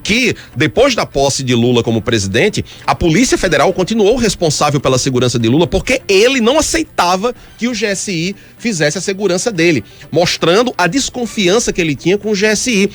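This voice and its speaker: A male radio commentator in a heated studio debate, arguing with force and insistence. His voice sits a little high for a man and swings widely in pitch as he hammers each point home. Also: very animated, a little fast, faint music behind. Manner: emphatic and argumentative, presses his point insistently.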